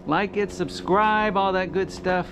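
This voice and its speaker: A man's voice: high-pitched, fairly even intonation, a little slow, fairly bright tone. A middle-aged man chatting casually as he walks residential streets, recorded on an action camera. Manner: chatty, offhand remarks while walking. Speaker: walking vlogger. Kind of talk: casual walking commentary. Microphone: action camera held or worn. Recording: dull lo-fi outdoor audio with traffic noise. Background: street and traffic noise.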